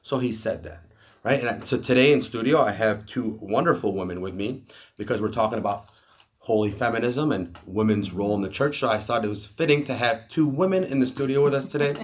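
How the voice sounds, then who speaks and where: A man hosting a faith podcast in a studio, chatting conversationally and reading quotes slowly. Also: medium pitch. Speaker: podcast host. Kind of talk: casual podcast chat.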